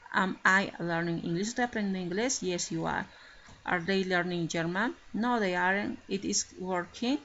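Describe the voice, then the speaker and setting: Profesora de voz grave, grabación opaca. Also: female voice, on the low side, unhurried, fairly bright tone. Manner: patient, explains step by step with checking tags. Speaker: English teacher. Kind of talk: recorded grammar lesson over slides. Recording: slightly muffled lo-fi recording with faint hiss.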